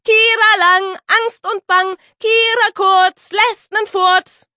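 A woman voicing a cheeky young girl who taunts in shrill, sing-song rhymes. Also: slow, sharp tone, no room sound, studio quality, full character voice. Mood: shrill teasing.

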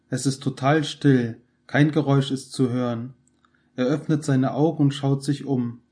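A man narrating a short story in a calm, measured reading. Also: medium pitch. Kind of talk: scripted audiobook narration.

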